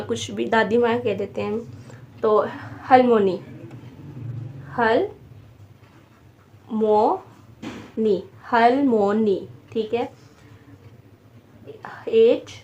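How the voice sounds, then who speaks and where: A woman teaching a beginner vocabulary lesson, repeating each word slowly and spelling it out syllable by syllable. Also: a little high, a little mellow. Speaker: language teacher.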